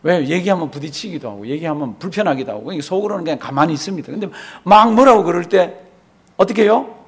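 A man's voice: a little high, expressive, quick pace, vocal fry, slightly rough. A male pastor preaching a sermon, firing off rhetorical questions and drawing the congregation in to read along.

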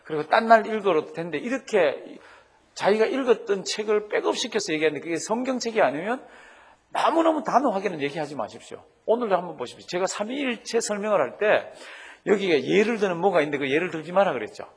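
A middle-aged man preaching a sermon on Bible reading, lively, asking the congregation questions and having them repeat after him. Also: sits high, quick pace, slightly rough. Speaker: pastor.

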